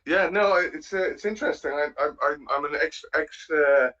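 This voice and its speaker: A man from the Netherlands calling in, speaking haltingly, with many pauses and restarts. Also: a little high, fairly bright tone. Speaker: caller. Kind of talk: casual call-in chat. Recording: dull lo-fi call audio.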